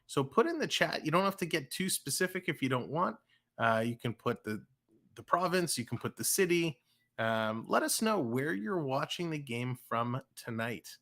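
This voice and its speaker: Very animated and pitched fairly high, this man's voice sounds pushed and bright at a moderate pace. He's a Toronto-area streamer with a Canadian accent doing casual play-by-play, chatting freely with viewers, reading chat aloud and quick to laugh.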